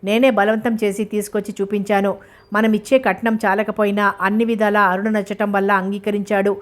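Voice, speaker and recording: Busy big brother rushing to sort out his sister's match, woman reading it, hasty, flat level voice. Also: medium pitch, natural voice. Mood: bustling. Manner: hasty and bustling.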